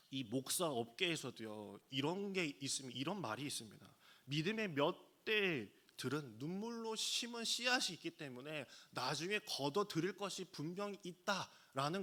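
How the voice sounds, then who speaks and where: A male pastor gives a sermon as a story, his voice bright and forceful and pitched slightly high. He drops into quick acted-out quotes between the narration. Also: lively intonation. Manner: storytelling, acting out quoted lines with sudden pitch jumps. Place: church sanctuary.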